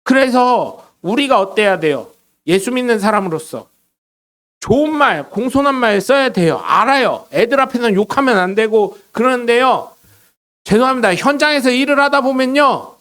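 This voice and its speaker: A middle-aged man preaching a sermon in a church, telling stories with lively swings between loud bursts and quiet asides. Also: very high-pitched, moderate pace. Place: church sanctuary.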